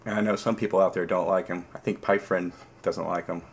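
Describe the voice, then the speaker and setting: A man in his forties chatting casually to camera in a savoring way, pausing between puffs on a pipe. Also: sits low, steady tone. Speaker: pipe-smoking vlogger. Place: small dim room at home, indoors.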